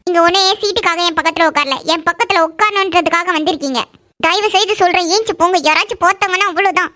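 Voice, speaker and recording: A woman's voice: very high-pitched, fast talker, bright, forceful tone. A woman voicing a proud, stubborn young college girl in a cartoon love story, snapping back huffily. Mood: annoyed. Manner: huffy, snappy retorts. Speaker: heroine.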